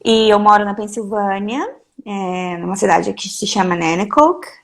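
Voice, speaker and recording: A woman's voice: mid-range voice, steady tone, creaky. A woman from Brazil, a guest on a live video call, chatting in a friendly way and laughing between her sentences. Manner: friendly, laughs often, quick asides. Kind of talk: casual video call chat.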